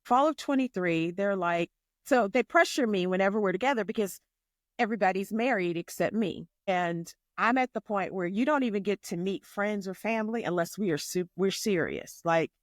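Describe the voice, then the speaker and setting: A woman's voice: medium pitch, moderate pace, no room sound, studio quality. A middle-aged woman co-hosting a podcast, telling stories with slangy phrasing and emphatic repeats. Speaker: podcast co-host. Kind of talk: casual chat.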